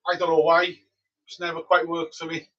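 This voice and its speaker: He's a native Welsh speaker from Wales, streaming live from his home brewery as he brews and answering viewers in a relaxed, chatty way. His Welsh-accented voice is fairly high and moves at normal speed. The recording has its highs cut off.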